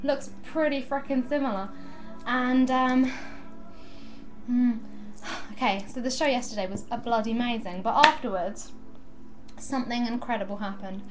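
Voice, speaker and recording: Giggly excitable high-voiced woman. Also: normal speed, long pauses, over music. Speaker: vlogger. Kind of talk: casual chatty vlog.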